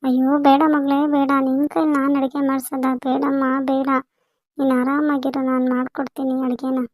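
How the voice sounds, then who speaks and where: A woman's voice: sits high, flat delivery, brisk, a little mellow, no echo, natural voice. A woman playing a doting village mother who fusses over her daughter in a family skit. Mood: fussing. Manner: fussy, insistent.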